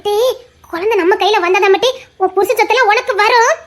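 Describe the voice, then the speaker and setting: A sharp-tongued rural mother with a Tirunelveli Tamil accent, played by a woman, scolding and mocking her daughter. The voice sits extremely high and piercing. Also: brisk.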